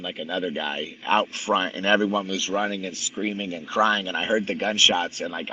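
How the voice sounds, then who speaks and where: Bright-voiced blunt, profane male storyteller. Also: lowish voice, lo-fi sound, a little hiss or hum. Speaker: podcast guest. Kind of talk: casual conversation, storytelling.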